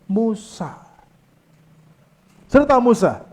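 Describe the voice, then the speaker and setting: Animated pastor preaching. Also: male voice, takes it slowly. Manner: calls out to the congregation and leads them in reading aloud; swings from loud exclamations to soft low asides. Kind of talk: lively sermon to a congregation.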